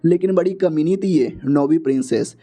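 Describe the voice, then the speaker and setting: A man retells a story in a chatty, conversational way. His voice sits high and sounds mellow and soft. He keeps it casual, like talking to friends. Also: normal speed. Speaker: story explainer.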